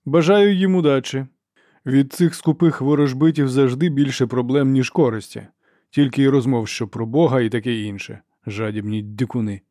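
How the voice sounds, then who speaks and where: A man's voice: medium pitch, normal speed, darkish tone, no echo, close to an everyday voice. Man voicing a cold imperious old archlector. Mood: cold, impatient. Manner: dry, clipped questions.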